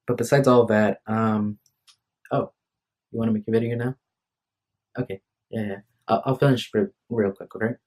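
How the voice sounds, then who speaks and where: Speaking casually into his phone in a room at home, a tired young man rambles to camera for his vlog, apologizing and often restarting sentences with hesitation. His voice is fairly low and darkish, with fairly even intonation, normal speed and long pauses.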